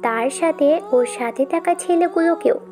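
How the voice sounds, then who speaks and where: A woman narrating a dramatized audio story in a steady storytelling way. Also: high-pitched, a little slow.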